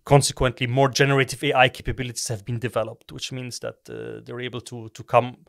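A middle-aged man from Egypt, a company co-founder, giving measured explanations as a podcast guest with frequent restarts. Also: medium pitch, little pitch movement, vocal fry, fairly bright tone, dry recording, clean studio sound. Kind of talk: podcast interview.

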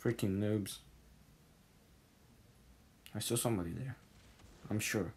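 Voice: mid-range voice, slow, darkish tone. A gamer commentating on a shooter game in short, repeated, exasperated complaints. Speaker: gaming video creator. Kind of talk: casual first-person shooter gameplay commentary. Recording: noisy, with game gunfire. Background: video game gunshots and clicks.

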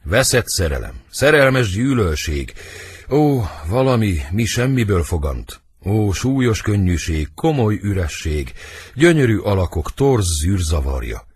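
A man reading the part of Romeo, a brooding lovesick young nobleman, in husky, lyrical verse for an audiobook. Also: sing-song. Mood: lovelorn. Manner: lyrical verse reading, wide swings in pitch.

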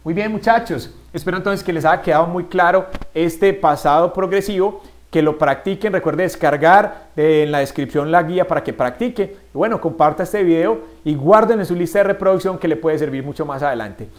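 A man's voice: on the high side, brisk. A man teaching an English grammar lesson on video, patiently asking rhetorical questions and repeating key words.

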